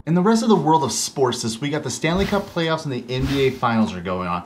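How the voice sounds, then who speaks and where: A man's voice: medium pitch, animated, quick pace, over music. A man hosting a joking golf news rundown in a sarcastic, wisecracking manner.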